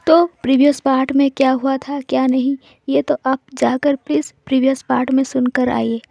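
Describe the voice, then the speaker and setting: A woman's voice: high voice, level tone, normal speed, creaky, warm tone, no echo. A woman narrating a romance story in a casual, chatty way and talking directly to her listeners as the channel's host.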